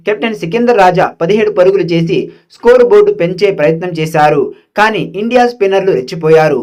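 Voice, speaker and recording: A man narrates a scripted sports recap in a notably high-pitched voice. He moves through the script at a quick clip, in the role of a highlights narrator. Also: a little mellow.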